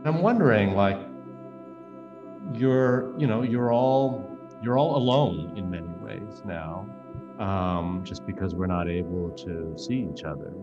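Male professor as guest host, lowish voice, halting questions, muffled lo-fi audio. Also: music in the background. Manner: hesitant, many "uh" and "um".

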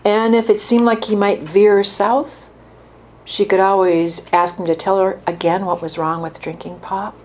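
Woman calmly reading her fiction aloud. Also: mid-range voice, measured pace.

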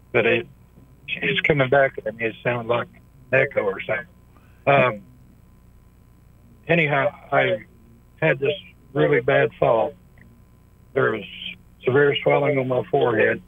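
A man speaks over a tinny phone line, his voice slow and gravelly. He calls in to a radio show and stops and restarts often as he asks his question. The sound is dry and narrow. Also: medium pitch, fairly even intonation. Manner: halting, many pauses and restarts. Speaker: caller. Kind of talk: call-in question to a radio doctor.

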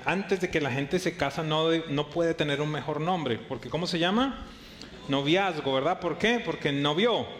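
A man preaching a live sermon as pastor to a congregation, lively, playfully acting out his listeners' voices and joking with them. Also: fairly high pitch. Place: church hall before a congregation. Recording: echoey hall with faint background noise.

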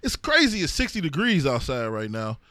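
A man's voice: on the high side, huge pitch swings, a little fast, pushed and bright, slight background noise. A man co-hosting a podcast, chatting casually in a slangy, profane, joking way. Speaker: podcast co-host. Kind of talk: casual chat.

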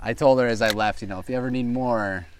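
A man's voice: mid-range voice, fairly even intonation, fast talker, a little hiss or hum. A man who runs a tree service, telling a casual, rambling story from a boat on the river, full of "like" and "you know.".

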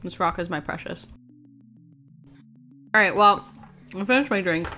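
A woman's voice: on the low side, measured pace, pushed and bright, a little hiss or hum. A woman playing a tabletop role-playing game, casual and giggly. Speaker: player.

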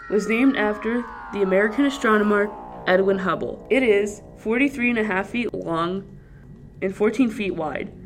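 A woman's voice: mid-range voice, roomy sound, noisy background. Woman reading facts aloud carefully. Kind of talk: read-aloud fact report.

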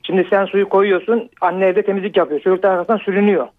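Fast-talking man over a landline phone. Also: sits high, fairly even intonation, no room sound. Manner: earnest, a bit halting, with fillers. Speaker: caller to a radio call-in show. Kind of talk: casual phone-in chat. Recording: narrow tinny phone line.

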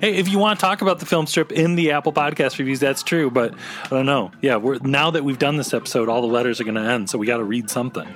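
A man's voice: medium pitch, fairly even intonation, quick pace, a bit bright, a little hiss or hum. A man chatting casually as co-host of a fan podcast.

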